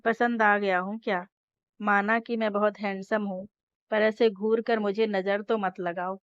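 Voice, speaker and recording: A woman's voice: medium pitch, little pitch movement, a little slow, natural voice. A woman voicing a cocky, teasing young husband who talks smugly, in a storybook reading. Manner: smug, teasing. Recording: dull lo-fi dry recording.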